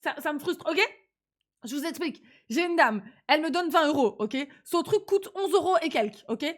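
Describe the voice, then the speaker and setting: Young girl streamer chatting, high pitched, lispy slushy s, slangy and animated, bit of music behind. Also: normal speed. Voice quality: slight lisp, slushy s. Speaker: live streamer. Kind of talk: casual livestream chat.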